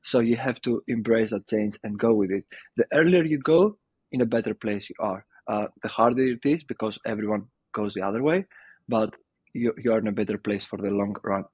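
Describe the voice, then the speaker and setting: A young Greek man, founder of a video marketing agency, answers interview questions casually as a guest. His voice is lowish, brisk, darkish and husky, and he's thoughtful, with many ums and restarts. The recording is dry and rather dull, with no room sound.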